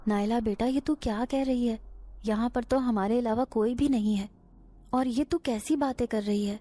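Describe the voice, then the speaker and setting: A worried older mother chides her daughter in motherly tones. A woman puts her on with a warm, fairly high voice. She sounds set in her household ways. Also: close to an everyday voice. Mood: bewildered. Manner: chiding, motherly.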